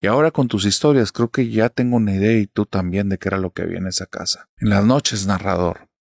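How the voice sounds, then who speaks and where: A man's voice: on the low side, fast, creaky, darkish tone, no room sound, clean studio sound. A young man with a Mexican accent telling a personal story in an earnest, emphatic way. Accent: Mexican Spanish. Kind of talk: casual storytelling.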